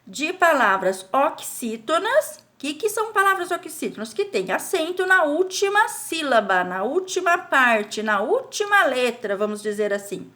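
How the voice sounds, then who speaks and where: A Brazilian woman teaching a recorded spelling lesson to children. She explains slowly, stretches out syllables and keeps asking the class check questions. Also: high voice, big pitch swings, pushed and bright. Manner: speaks of herself in the third person as "a Pro". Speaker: primary school teacher.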